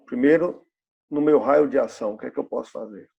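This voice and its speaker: Husky fifty-something pastor preaching in church, gravelly voice, lots of rhetorical questions. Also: male voice, medium pitch, a little fast, a little mellow, highs cut off. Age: 50s. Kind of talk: sermon.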